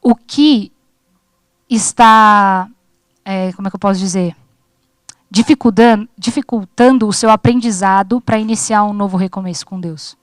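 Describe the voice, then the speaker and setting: A woman's voice: medium pitch, a little slow, dry recording. A woman in her thirties giving an informal sermon at a church service, chatty and joking, acting out her own talks with God. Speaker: preacher at a church youth service.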